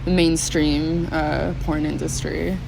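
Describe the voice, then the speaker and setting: A woman's voice: deep voice, level tone, takes it slowly, vocal fry, noisy background. A young woman from the United States speaking as an interview guest, chatty and frank with lots of fillers. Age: young adult. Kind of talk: casual interview chat.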